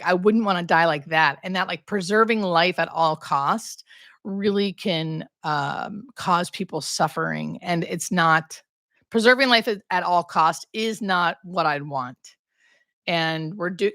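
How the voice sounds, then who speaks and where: A woman's voice: on the low side, a bit bright, dry recording, clean studio sound. A woman talking candidly and conversationally as a hospice nurse hosting a casual livestream, thinking aloud as she answers questions.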